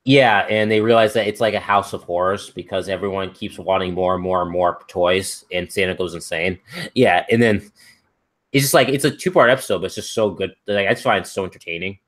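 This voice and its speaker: A man's voice: low voice, steady tone, a little fast, fairly bright tone. A young man hosting a casual stream chat, rambling with lots of fillers. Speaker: stream host.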